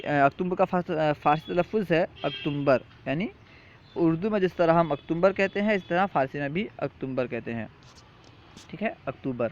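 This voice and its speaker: A male teacher giving a language lesson, reciting lists slowly and explaining patiently, often checking in with the students. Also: a little high, highs cut off, a little hiss or hum. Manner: patient, repetitive, checks in with "theek hai?".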